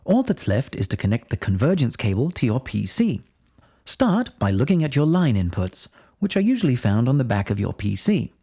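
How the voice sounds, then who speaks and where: A man narrates a scripted installation tutorial for an instructional video, chatty, reassuring and instructive. His mid-range voice is very animated and warm, slightly rough, at a moderate pace. The audio is dull and muffled but has no echo.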